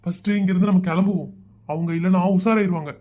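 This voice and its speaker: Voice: mid-range voice, fairly even intonation, fast, dark tone, close to an everyday voice. A performer voicing a bossy cartoon gangster man. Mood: scheming. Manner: gruff, bossy threats. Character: menacing male gangster boss with a gun. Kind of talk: animated cartoon voice acting.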